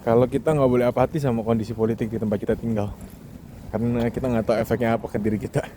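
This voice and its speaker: This young Indonesian man, a vlogger and international student, delivers a joking monologue vlog in a casual way, sprinkling in English words. His mid-range voice stays level and mellow while he races along, with slight background noise.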